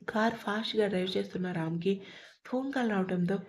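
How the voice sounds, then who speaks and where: A woman narrating an emotional love story aloud and speaking every character's lines in her own gentle voice. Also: medium pitch, fairly quick, slightly rough.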